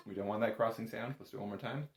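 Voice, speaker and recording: Speaking rapid-fire in a lowish voice, this male bagpipe instructor gives a relaxed, step-by-step music lesson. The room has a noticeable echo, and his manner stays informal, reassuring, and encouraging throughout.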